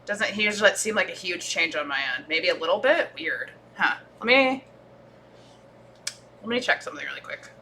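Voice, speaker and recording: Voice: medium pitch, expressive, moderate pace, bright, forceful tone. A podcast co-host chatting casually over a home computer mic, sitting right in front of a running fan that whooshes behind the voice. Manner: chatty, apologetic about tech troubles. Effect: talking right in front of a running fan, whooshing noise behind. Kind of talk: casual chat over a video call. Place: hot home room. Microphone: home computer mic with noise gate off.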